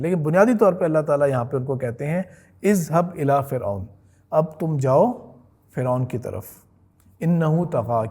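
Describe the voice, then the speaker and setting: A man lectures on religious history in a relaxed, talkative way. His voice sits a little high for a man. He often pauses to check that his listeners follow him and drops English words into his talk. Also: husky.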